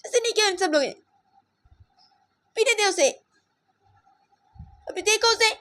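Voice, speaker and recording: A woman's voice: medium pitch, husky, dry recording. A woman voicing a tearful, scolding middle-aged mother who repeats herself insistently.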